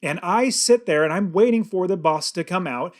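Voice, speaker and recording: A man's voice: high voice, normal speed. Earnest, emphatic man telling a story. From California. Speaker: host. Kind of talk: personal story to camera.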